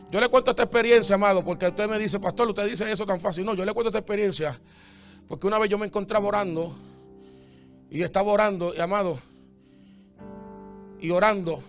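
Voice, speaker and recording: A man preaching a sermon as pastor, swinging from hushed talk to shouts and calling his listeners "amado". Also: sits high. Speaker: bishop, pastor.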